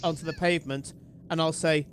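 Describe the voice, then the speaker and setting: A man's voice: on the high side, fairly even intonation, slight background noise. Man playing a swearing British tabletop player. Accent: British English. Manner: casual, swearing, halting with fillers. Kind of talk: describing his character's actions in a tabletop game.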